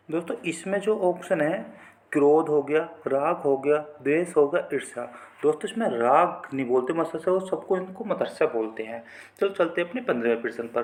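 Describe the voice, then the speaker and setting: Man, slightly high voice; chatty exam-prep teacher who keeps calling the viewers friends. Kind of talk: exam-prep Hindi quiz lesson.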